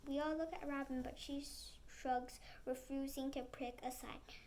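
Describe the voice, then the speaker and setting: High-voiced woman reading a storybook aloud. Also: fairly even intonation, unhurried, a little mellow, slight background noise. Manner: reads with small slips and acted sound effects. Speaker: storybook reader. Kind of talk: reading a chapter book aloud.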